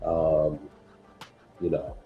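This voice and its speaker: Laid-back deep-voiced New man. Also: extremely slow, reverberant, narrow, tinny audio, soft background music. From New York. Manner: relaxed, rambling, many fillers, keeps saying "guys". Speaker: livestream host. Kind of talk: casual livestream chat.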